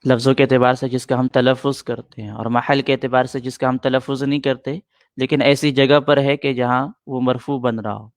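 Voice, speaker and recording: A patient middle-aged man teaching a grammar class, going over each rule more than once. His voice has an average pitch and sounds close and dry, with no room echo. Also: flat delivery. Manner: patient, repeats points and answers students' questions.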